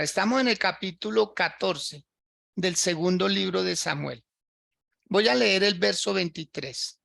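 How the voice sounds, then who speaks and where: A man's voice: sits high, creaky, sharp tone, no room sound, studio quality. A man preaching a sermon as a pastor on a livestream. He works through a scripture passage, repeats phrases, and keeps checking in with listeners by asking "right?" and "yes?".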